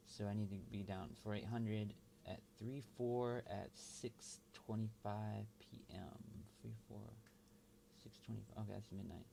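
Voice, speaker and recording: Gravelly man muttering to himself. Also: fairly low pitch, fairly even intonation, dark tone, slight background noise. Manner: mumbling, halting, talks to himself. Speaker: video host. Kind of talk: thinking aloud while working.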